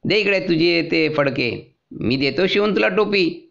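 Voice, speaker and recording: A man's voice: sits high, expressive, unhurried, vocal fry, a bit bright, muffled recording, voice pushed up, heavily acted. A man voicing a busy grown tailor in a storybook, refusing in an exasperated way. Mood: annoyed. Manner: exasperated protesting.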